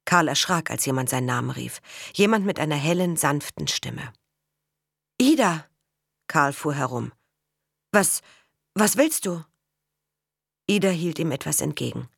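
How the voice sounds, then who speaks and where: A woman narrating a story in a calm, measured way, as an audiobook reader. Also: low voice, gravelly, no room sound. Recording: dry close mic.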